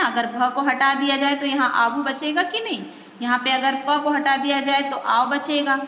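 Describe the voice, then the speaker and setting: A woman's voice: high-pitched, sharp tone. A woman teacher explaining a grammar lesson patiently, step by step, asking the viewer questions as she goes. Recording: echoey dull room recording with faint noise.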